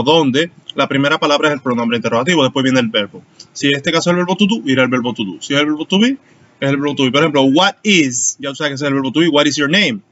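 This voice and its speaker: Guy teaching english grammar online, kinda high voice, dull muffled recording. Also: a bit bright. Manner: explanatory, asks students questions. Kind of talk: online class lecture.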